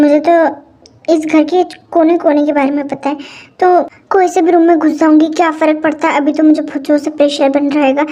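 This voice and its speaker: A woman plays a hot-tempered young woman in a homemade audio story. She stammers, scolds and shouts with a very high voice that stays soft and mellow in tone. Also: lightly acted. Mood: urgent. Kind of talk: fan audio story acting.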